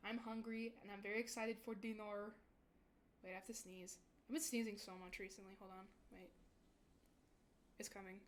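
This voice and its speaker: A woman's voice: mid-range voice, little pitch movement, moderate pace, long pauses, slight background noise. A young woman VTuber chatting casually with her stream viewers, rambling and giggling often.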